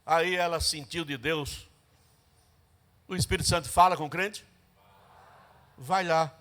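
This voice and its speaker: Lively pastor preaching. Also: male voice, on the high side, unhurried. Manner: animated storytelling, acting out voices. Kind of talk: sermon. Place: church service.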